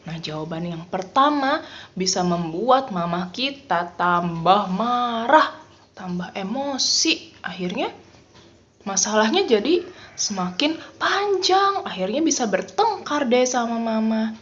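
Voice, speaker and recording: A woman teaching a children's Bible lesson in an animated, playful way, acting out little voices. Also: on the high side, takes it slowly. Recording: dull lo-fi recording.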